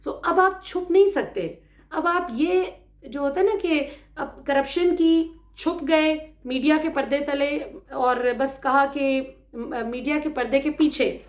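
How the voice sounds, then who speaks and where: A woman from Pakistan delivers political commentary straight to her viewers in a high, emphatic voice. She sounds indignant and often slips into English phrases. The room around her gives a noticeable echo.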